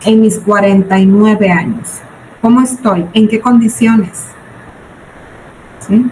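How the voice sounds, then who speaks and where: A business budgeting teacher in her forties with a Mexican accent gives students an informal lecture, teaching through questions and answers. Her medium-pitched voice is slow and a little mellow, and the recording has a roomy echo with background noise.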